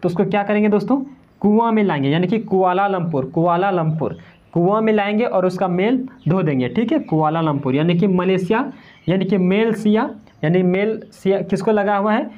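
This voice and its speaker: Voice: mid-range voice, normal speed. An online tutor explaining memory tricks for general-knowledge exams, repeating each point and asking questions only to answer them. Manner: repetitive, poses and answers own questions, keeps calling viewers "friends". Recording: slightly dull, lo-fi recording.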